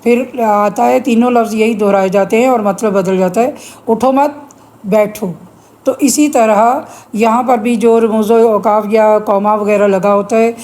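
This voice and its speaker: Woman teacher, Pakistani Urdu accent, higher voice, mellow tone, patient explanations. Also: fairly even intonation. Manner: explains patiently, recites verses slowly. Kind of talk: classroom poetry lesson.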